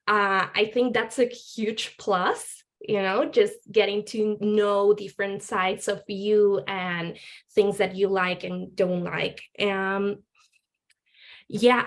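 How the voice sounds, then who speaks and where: A woman speaking as an alumni guest on a video call, chatty, with frequent laughs and fillers. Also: mid-range voice. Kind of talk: casual panel talk on video call.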